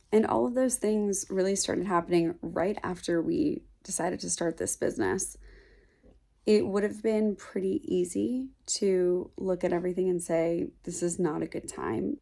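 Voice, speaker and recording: A woman's voice: fairly low pitch, vocal fry, a little mellow. A woman in her thirties, a startup founder, talking openly and reflectively in a casual to-camera vlog. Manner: open, reflective, chatty. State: sick, congested voice.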